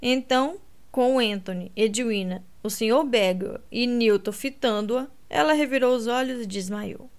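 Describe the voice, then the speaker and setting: A woman narrating a romance audiobook in a steady, measured way. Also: on the high side.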